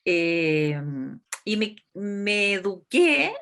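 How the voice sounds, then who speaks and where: A woman's voice: medium pitch, sing-song, fairly bright tone. A woman in her sixties with a Chilean accent, talking thoughtfully and at length as an interview guest. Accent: Chilean Spanish. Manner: slow, thoughtful, measured. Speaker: interviewee, constitutional delegate. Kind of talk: reflective interview talk.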